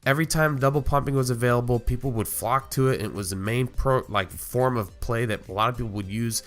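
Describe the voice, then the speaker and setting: A man's voice: mid-range voice, fairly even intonation, quick pace, fairly bright tone. A man with a cold and a nasal voice, hosting a gaming video in casual, rambling commentary. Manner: conversational, rambling with small asides.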